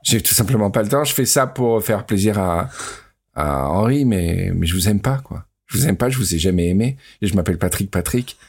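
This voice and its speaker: A man doing an impression of his co-host, lowering his voice into a gruff, rambling grumble. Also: lively intonation, fairly quick, a little mellow. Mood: grumpy.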